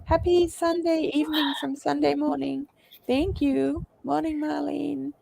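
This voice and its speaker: Higher-voiced woman with a gravelly edge. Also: flat delivery, unhurried, dark tone. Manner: reads viewer comments aloud, chatty with small laughs. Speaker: livestream host. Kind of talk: casual livestream chat.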